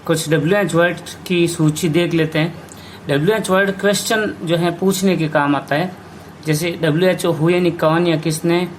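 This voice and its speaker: A man teaching an English grammar lesson, slowly explaining rules and spelling out words letter by letter. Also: fairly high pitch, slight background noise.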